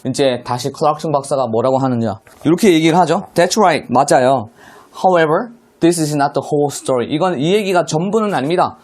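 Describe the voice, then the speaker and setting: A man gives an online high school English lesson. His voice sits somewhat high for a man. He explains patiently, line by line, and keeps asking his students questions. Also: normal speed, darkish tone. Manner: explains step by step, asks rhetorical questions. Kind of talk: online classroom lecture explaining a textbook.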